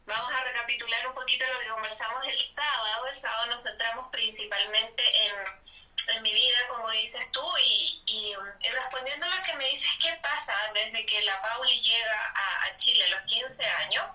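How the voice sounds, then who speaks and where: A woman's voice: a little high, normal speed, bright, forceful tone. A young woman from Bolivia, a guest in a casual interview, talking reflectively in long flowing sentences with restarts. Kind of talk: casual conversation. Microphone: video call. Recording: echoey, distant phone line.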